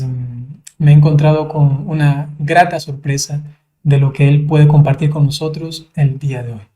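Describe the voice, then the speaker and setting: A man, a priest, hosting a livestreamed conversation, speaking in a measured way with frequent fillers. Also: a little high, warm tone. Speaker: priest, host.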